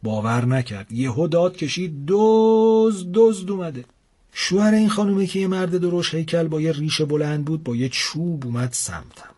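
A young man narrating a comic first-person adventure in a casual, lively storytelling manner. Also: a little high, hardly any pauses, slightly rough. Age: young adult.

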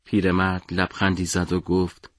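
A man narrating a story for an audiobook in a measured, dramatic way. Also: low-pitched, monotone, a bit bright, dry recording, studio quality.

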